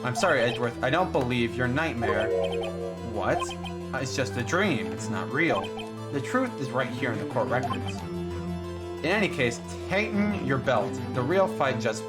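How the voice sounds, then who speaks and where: Earnest young defense lawyer, steady and sure, read by a man. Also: mid-range voice, moderate pace, loud music behind the voice, lightly acted. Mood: determined. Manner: earnest, reassuring.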